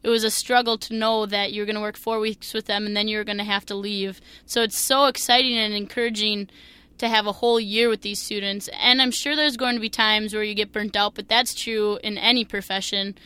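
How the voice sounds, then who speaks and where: Energetic young Minnesotan woman, bright voice. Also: medium pitch, fairly quick, smooth. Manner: energetic and earnest. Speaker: new teacher, interview guest. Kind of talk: interview answers.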